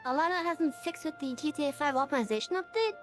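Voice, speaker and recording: A game streamer chats casually on a live stream through a real-time voice changer that makes the voice sound high and feminine. The delivery is fast and expressive but rambling, full of ums and restarts, while faint music plays softly in the background.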